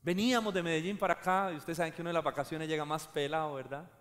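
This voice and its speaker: A man with a Colombian accent preaching a sermon as a pastor, emphatic and rising to shouts, recorded in a large church hall. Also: a little high, steady tone, rapid-fire. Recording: long hall reverb.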